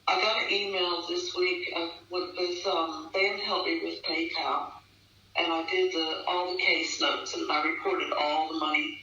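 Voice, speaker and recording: A woman's voice: lowish voice, sharp tone. A woman giving earnest personal testimony in conversation, speaking emphatically and repeating phrases for stress. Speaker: guest recounting a personal experience. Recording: echoey, distant, dull online call with faint noise.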